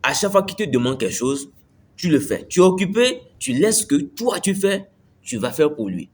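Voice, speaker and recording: A husky, slightly high voice, very animated and at a moderate pace, belongs to a self-improvement video host. He speaks conversationally to camera, repeating phrases and often asking "tu me suis".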